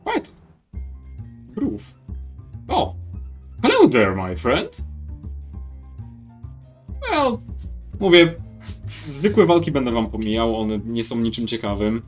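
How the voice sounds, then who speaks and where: A man from Poland with a Polish accent, reading game text aloud in a let's play, stumbling and correcting himself. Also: mid-range voice. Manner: reads with stumbles and self-corrections. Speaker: gaming YouTuber. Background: faint game music.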